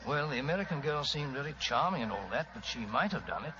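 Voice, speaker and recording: Bumbling English doctor, male actor, old-time radio, baffled and loyal, animated, muffled recording. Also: medium pitch, fast talker, lightly acted. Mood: puzzled. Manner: blustering, bumbling. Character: blustery, bewildered English doctor, loyal detective's sidekick.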